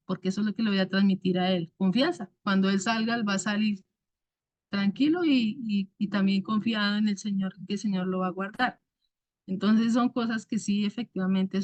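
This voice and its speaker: A woman giving a casual devotional talk to a women's church group, with many restarts and fillers and a naturally loud way of speaking. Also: mid-range voice, no room sound. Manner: loud speaker by her own account. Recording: dull, dry sound.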